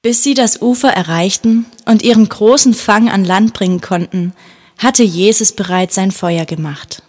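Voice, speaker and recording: A woman reads a Bible story aloud in a calm, gentle way. Her delivery is steady and unhurried, suited to telling a story to listeners. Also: medium pitch. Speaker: narrator. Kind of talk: scripted Bible story narration.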